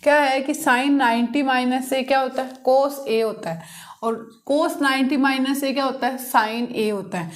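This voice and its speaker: A woman's voice: high voice, measured pace. A woman maths teacher explaining a lesson step by step, asking the class questions and answering them herself. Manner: patient, repetitive step-by-step explaining. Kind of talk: blackboard-style maths lesson.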